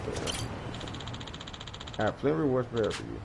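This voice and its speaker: Game music runs under a man in his thirties, a gaming YouTuber, as he gives rambling, laugh-filled let's-play commentary and acts out screams. His mid-range voice talks fairly quickly, swings widely in pitch, and has vocal fry, amid heavy background noise.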